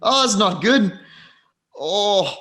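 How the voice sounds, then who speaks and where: A man's voice: high voice, lively intonation, takes it slowly, sharp tone, voice pushed up, heavily acted. A man voicing a badly wounded, panicked monk, blurting flustered exclamations.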